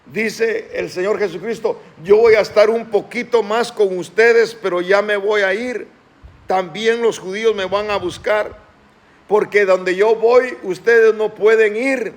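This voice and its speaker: A man preaching a sermon as pastor of his church, slowing down and lifting his voice when he reads scripture aloud, and calling on the congregation to respond. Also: high voice, steady tone. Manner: asks the congregation questions and calls them to respond.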